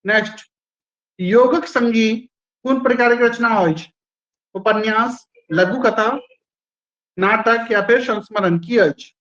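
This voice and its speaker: A man's voice: high voice, takes it slowly, pauses often, fairly bright tone, highs cut off. A male teacher running a live online quiz class, repeating each question and its options and praising students by name.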